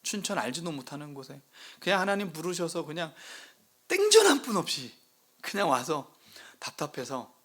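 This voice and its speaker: Animated male pastor preaching. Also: a little high, normal speed, breathy edge. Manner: swings between loud emphasis and hushed whispers; asks the congregation rhetorical questions. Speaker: pastor of a new church plant. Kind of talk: sermon.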